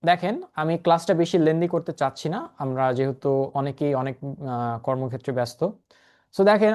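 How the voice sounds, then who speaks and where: A man's voice: fairly high pitch, a little mellow, clear, resonant tone. A man teaching an online class over a video call, patiently repeating and spelling things out for his students. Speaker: spoken English instructor.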